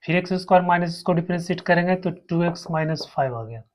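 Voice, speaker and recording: A man's voice: sits high, fast. A man teaching a maths lesson, walking his students through each step and repeating terms as he writes. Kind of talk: slow blackboard maths lesson.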